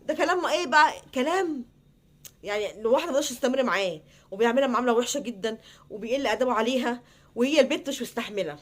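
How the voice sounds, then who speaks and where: With a fairly high, expressive voice and an Egyptian Arabic accent, a woman shares a personal story casually. The conversation she recounts comes alive as she performs each side of the quoted exchange in quick succession.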